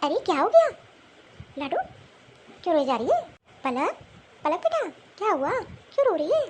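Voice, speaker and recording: A woman's voice: extremely high pitch, big pitch swings, moderate pace, darkish tone, a little hiss or hum. A woman voicing a young mother who comforts her daughter in a cartoon. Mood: soothing. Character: caring young mother, worried.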